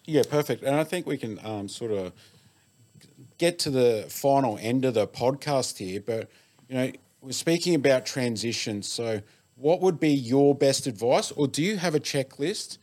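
A man with an Australian accent hosts a casual interview. His voice sits at an average pitch, and he phrases questions and opinions in a measured, slightly hesitant way. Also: expressive, darkish tone. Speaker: podcast host.

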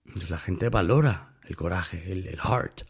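Husky-voiced man telling stories. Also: low voice, unhurried. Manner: emphatic, addresses the listener directly. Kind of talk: casual storytelling monologue.

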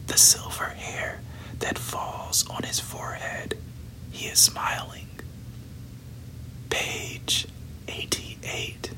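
A podcast host reading a novel aloud entirely in a hushed, unvoiced whisper, delivering the passages evenly. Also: low-quality recording. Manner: slow, hushed, even delivery of book passages.

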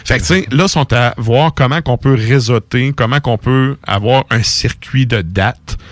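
A man with a Québécois accent chats casually as a podcast co-host, spinning animated, rambling stories. His voice sits mid-height and is recorded dry and close. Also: medium pitch, normal speed, no echo. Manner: animated, colloquial storytelling with frequent fillers. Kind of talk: casual chat.

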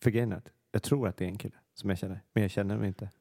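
Gravelly man telling anecdotes, laughing. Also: fairly low pitch, fairly even intonation, mellow, dry recording, clean studio sound. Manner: laughs often, tells anecdotes. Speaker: podcast co-host. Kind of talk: casual chat.

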